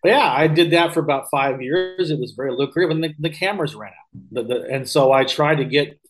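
An American-accented man in his fifties, a real estate investor from Missouri, United States, chats as a podcast guest, meandering through personal stories with frequent self-corrections. His voice runs on the high side and his pace is a little fast.

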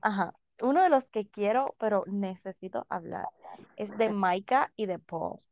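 A woman's voice: medium pitch, measured pace, gravelly, dry recording, muffled recording. A woman co-hosting a podcast, chatting animatedly and gossiping about a reality show, mixing English words into her Spanish. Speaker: podcast co-host.

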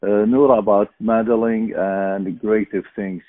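Middle-aged man, slow and halting, dry phone-line sound. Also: on the low side, level tone, no echo. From Iraq. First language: Arabic. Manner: halting, searching for words, many fillers. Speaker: podcast guest. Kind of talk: casual interview.

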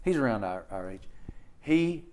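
A man's voice: medium pitch, big pitch swings, moderate pace, darkish tone. A man hosting a podcast, chatting casually and enthusiastically with his guest and telling his own story. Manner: enthusiastic, acts out quoted voices. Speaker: podcast host. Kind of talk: casual interview chat.

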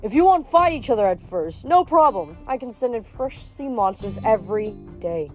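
Casting: woman playing a mocking, grotesque male sea god showman, lively swooping delivery. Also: on the high side, normal speed, soft background music, close to an everyday voice, low-quality recording. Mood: gloating. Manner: mocking, sing-song showman.

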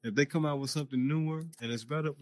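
A man from the United States chats casually as a podcast guest, stressing his points and talking loosely with fillers. He speaks through a VR headset mic inside a virtual social space, his voice at an ordinary middle pitch. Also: rapid-fire, crowd noise. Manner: emphatic, talks loosely with fillers. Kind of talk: casual chat.

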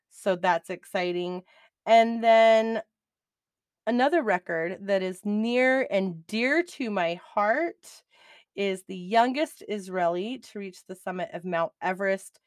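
A middle-aged woman hosting a podcast, chatting excitedly and laughing easily as she recaps. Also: fairly low pitch, dry recording, clean studio sound. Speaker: podcast host.

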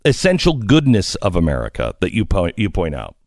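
A man hosting a radio talk show, interviewing a guest in a halting way, with many fillers and repeated words. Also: low voice, huge pitch swings, a little mellow, no room sound, studio quality. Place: radio studio. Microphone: studio mic.

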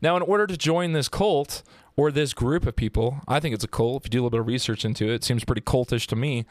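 A man's voice: mid-range voice, fast, no echo, studio quality. A man hosting a casual true-crime podcast, telling the story in a joking, profane and rambling way. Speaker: podcast host.

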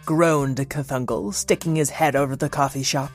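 A narrator tells a comedic story with patient, bemused calm, putting up with the interruptions. The voice sits at a medium pitch, with light music underneath. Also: normal speed.

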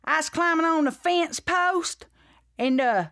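A woman voicing a boastful young schoolgirl bully who brags in a slow, drawn-out drawl. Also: extremely high pitch, a bit bright, dry recording, studio quality, pitched above the performer's own voice, exaggerated voice. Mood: bragging.

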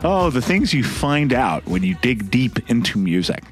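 A man's voice: mid-range voice, sing-song, normal speed. Chatty male music podcast host. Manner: chatty, wry, hums melodies. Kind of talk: casual music commentary.

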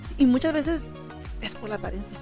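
A woman's voice: high-pitched, animated, fairly quick, dark tone, faint music behind. A woman co-hosts a talk show as a lender, explaining and advising in a casual, conversational way. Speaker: radio show co-host and mortgage lender. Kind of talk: casual on-air talk and advice.

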